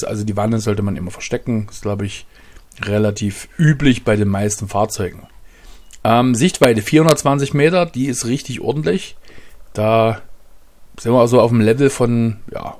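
A man's voice: fairly low pitch, darkish tone. A middle-aged man hosting his own gaming channel, chatting casually at his desk and thinking aloud with lots of fillers. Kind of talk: casual game commentary. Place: home room at a desk.

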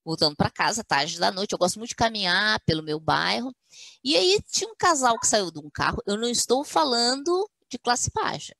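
A woman's voice: medium pitch, big pitch swings, fairly quick, gravelly, fairly bright tone, no echo. A woman academic, telling stories in a webinar chat and acting out quotes in a firm motherly voice. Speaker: guest speaker, university academic. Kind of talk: webinar conversation, storytelling.

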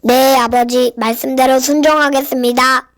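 Woman as earnest high-voiced young shepherd boy. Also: fairly even intonation, moderate pace, no room sound, studio quality. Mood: obedient. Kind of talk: children's Bible play acting.

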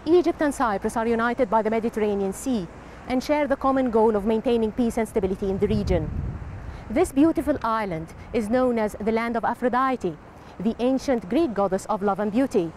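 Middle-aged woman host, formal and measured on camera, fairly high voice, faint outdoor hum behind. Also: a little mellow, rough recording. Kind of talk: presenting to camera. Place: outdoors on a seaside cliff.

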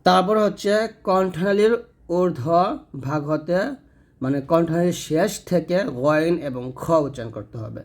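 A man with a slightly high voice leads a Quran pronunciation lesson. He sounds out each letter slowly and carefully, then explains in plain, steady terms where the tongue and throat should be placed. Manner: self-corrects mid-lesson. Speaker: Quran recitation teacher.

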